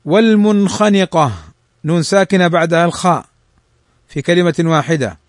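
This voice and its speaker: A man teaching the rules of Quran recitation. He reads the rules quickly and draws the examples out slowly. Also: high voice, no echo, studio quality. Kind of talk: tajweed lesson explaining a text.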